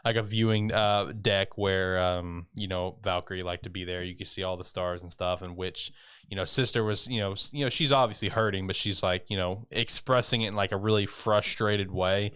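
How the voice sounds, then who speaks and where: Low, smooth-voiced man, rambling recap. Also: fairly even intonation, normal speed, a bit bright, dry recording. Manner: rambling, filler-heavy, laughing enthusiasm. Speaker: podcast co-host. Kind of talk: casual anime recap chat.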